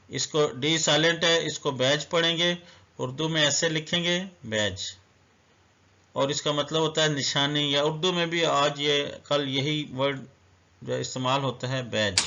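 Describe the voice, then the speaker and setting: A man's voice: on the high side, pushed and bright, highs cut off. A man teaching a vocabulary lesson. He spells each word letter by letter and explains what it means. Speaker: English teacher. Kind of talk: slow, deliberate vocabulary lesson.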